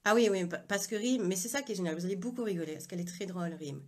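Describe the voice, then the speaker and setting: A woman's voice: mid-range voice, racing. Hesitant woman on a phone live chat. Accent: unusual accent, self-described. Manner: hesitant, many fillers and restarts. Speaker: author. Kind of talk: casual live video chat.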